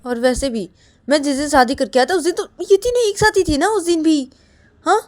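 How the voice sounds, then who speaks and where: A woman voicing a young husband who argues loudly and insistently with his mother in a spoken story. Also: a little fast, close to an everyday voice. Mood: protesting. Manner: loud, high, insistent questioning.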